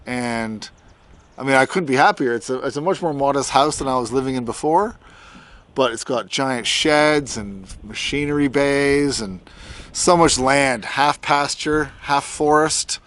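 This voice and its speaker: A fifty-year-old Australian tattoo artist vlogger gives a casual, conversational update to camera outdoors in his farm's front yard. His mid-range voice is a bit bright and a little slow, and his manner is informal.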